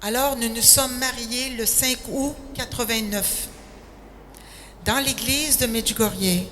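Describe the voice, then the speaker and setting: An older woman from Quebec City with a Québécois accent, giving a personal testimony and telling her story in an unhurried way. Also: fairly high pitch, fairly even intonation, fairly bright tone. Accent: Québécois French. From Quebec City, Canada. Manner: slow, unhurried storytelling, sentences often starting with 'alors'. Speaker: speaker giving a faith testimony. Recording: echoey hall with faint noise.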